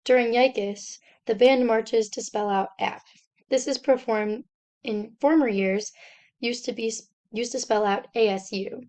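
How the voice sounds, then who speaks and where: A young woman, a student, reading a slide presentation aloud in a steady, step-by-step explanatory way. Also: fairly high pitch, unhurried.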